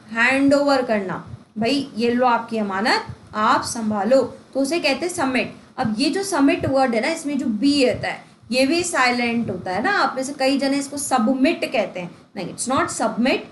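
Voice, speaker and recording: Woman tutor, high pitch, exam-prep lesson full of rhetorical questions; roomy recording. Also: a bit bright, a little hiss or hum. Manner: explains with rhetorical questions and folksy examples. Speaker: English teacher. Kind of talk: exam-prep lesson in Hindi-English mix. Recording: echoey room, faint ambience.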